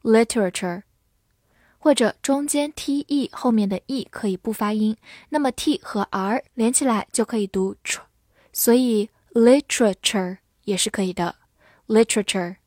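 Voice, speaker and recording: Woman, vocabulary teacher, slow careful dictation, fairly high pitch, dry room. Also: darkish tone, no room sound. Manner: slow, careful dictation of letters and example sentences. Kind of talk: spelling out and reading English words for learners.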